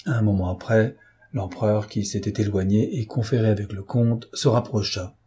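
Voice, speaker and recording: Reading a novel aloud in a measured, even storyteller's manner, this male audiobook narrator has a fairly low voice with a breathy edge.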